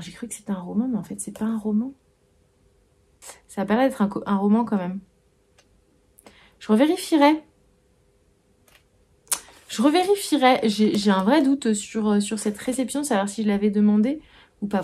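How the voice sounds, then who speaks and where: A woman's voice: medium pitch, dark tone. Hesitant woman chatting about her books. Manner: hesitant, full of "euh" and restarts, musing aloud. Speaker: book vlogger. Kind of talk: casual chat about received books.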